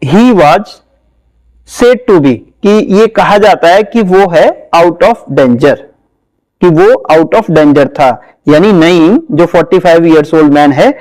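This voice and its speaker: Man, Indian accent, English teacher, high voice, slow explaining delivery, spells words out. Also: a little mellow, low-quality recording. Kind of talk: reading a news article aloud with line-by-line translation.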